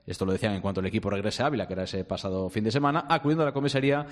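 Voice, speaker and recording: Sports radio co-host guy reading news super fast, long reverb. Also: fairly low pitch. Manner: brisk, reads statements aloud.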